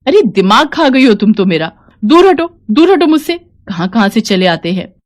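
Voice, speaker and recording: A woman voicing a young daughter-in-law who speaks in a bright, raised, emotional voice in a cartoon story. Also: a little high, moderate pace, lightly acted. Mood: scolding. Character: young daughter-in-law officer, proud then remorseful.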